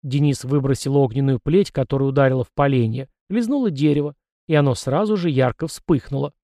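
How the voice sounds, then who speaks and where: A man reading an audiobook in steady scripted narration, raising his pitch to voice the characters. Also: fairly quick, no echo, studio quality. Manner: even storytelling, voicing characters with a raised pitch.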